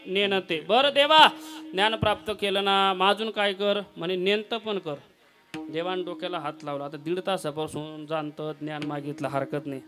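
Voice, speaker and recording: A man's voice: fairly high pitch, a bit bright. A man preaching a devotional kirtan sermon, telling stories and breaking into sung verses, with music behind.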